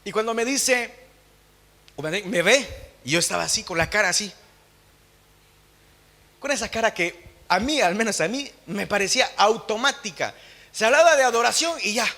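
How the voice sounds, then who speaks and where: A young man from Latin America preaching a sermon in church, swinging from emphatic peaks down to low, intimate asides. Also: sharp tone. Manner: impassioned, rising to emphatic peaks then dropping low and intimate.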